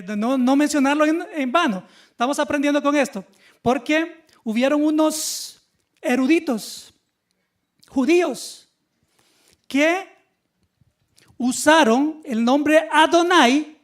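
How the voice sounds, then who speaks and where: His voice pitched very high, a man preaches on a Sunday, questioning the congregation as he teaches in a lively manner.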